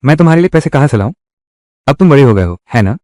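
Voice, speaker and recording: A man's voice: medium pitch, expressive, quick pace, a little mellow, no echo, clean studio sound, lightly acted. A man voicing heated, scolding family quarrels in dubbed drama dialogue. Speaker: voice actor dubbing a village family drama.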